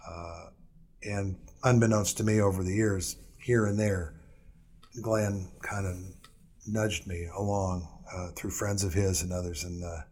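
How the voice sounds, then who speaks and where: Rambling low-voiced man telling stories. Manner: rambling, hesitant, many fillers and restarts. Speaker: interview guest. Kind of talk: casual storytelling interview.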